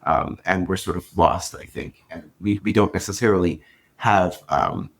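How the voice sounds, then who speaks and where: Co-host poet, deep and husky, earnest and measured. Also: male voice, animated. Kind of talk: poetry reading then casual talk.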